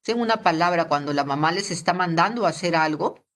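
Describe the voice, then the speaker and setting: Lady teaching bible class to teens on a video call, kinda low voice, keeps asking "¿no?". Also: fast talker, fairly bright tone. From Peru. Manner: conversational, tags most sentences with a questioning "¿no?". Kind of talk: Bible lesson for teenagers.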